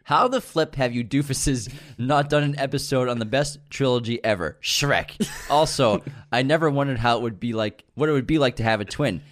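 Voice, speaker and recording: A man's voice: mid-range voice, normal speed, few pauses. A man co-hosting a comedy show, chatting casually and reading out listener roasts in a teasing, jokey way that often breaks into laughter.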